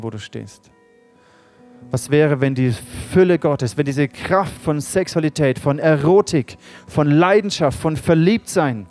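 A middle-aged male pastor preaching with repeated rhetorical questions, then leading a hushed prayer. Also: mid-range voice. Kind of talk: sermon and led prayer. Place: church service with live music. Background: soft instrumental music.

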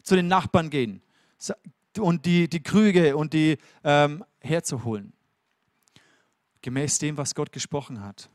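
A man preaching a sermon, earnest, rising to emphatic peaks and then dropping low and quiet. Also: a little slow, long pauses, no echo, clean studio sound.

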